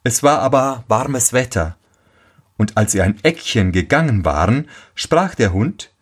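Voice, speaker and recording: A man reading a fairy tale aloud as a storyteller, slow and expressive. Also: mid-range voice, breathy edge.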